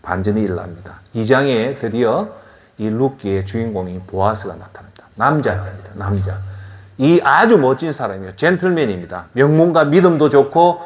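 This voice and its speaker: A middle-aged pastor with a Gyeongsang accent delivers a sermon, pelting his listeners with rhetorical questions. His mid-range voice leaps and dips with great animation, then drops to soft, low asides. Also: lively intonation, brisk. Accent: Gyeongsang Korean.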